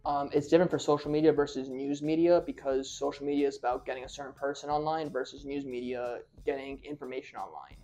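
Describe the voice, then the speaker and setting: A man's voice: medium pitch, steady tone, quick pace, hardly any pauses, dark tone, soft background music. A young man from New Jersey answering interview questions, earnest, explaining step by step. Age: young adult.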